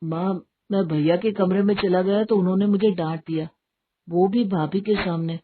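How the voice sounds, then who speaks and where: A woman's voice: on the low side, steady tone, normal speed, breathy edge. A woman voicing a careless young male college student, the younger brother, who whines and pleads. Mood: sulky. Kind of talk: Hindi story voice acting. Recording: tinny phone-like audio, faint hiss.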